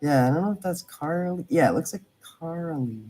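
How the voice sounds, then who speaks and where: A man's voice: fairly high pitch, animated, moderate pace, warm tone, faint music behind. A man casually chatting as he looks back on a paranormal investigation he took part in. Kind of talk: casual chat, recounting an investigation.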